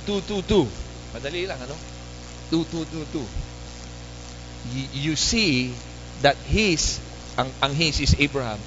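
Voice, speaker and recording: Male pastor, animated church sermon, higher-pitched, dull recording. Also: slight background noise. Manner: lively, calls out to the congregation for responses. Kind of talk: preached sermon. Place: church service.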